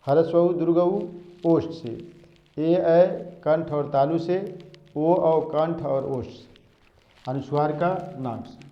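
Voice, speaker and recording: A man teaching a Hindi grammar lesson, going over each point slowly and repeating it as a drill. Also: on the high side. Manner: slow, repetitive drilling of points. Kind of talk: classroom lesson. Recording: echoey room, dull lo-fi sound.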